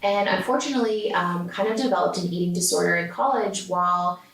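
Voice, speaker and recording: Speaking a little fast in a fairly low, fairly bright voice, a woman from San Diego, California, appears as an interview guest. She founded a food company and is chatty, peppering her speech with filler words like "um" and "like," captured on a distant mic in a roomy space.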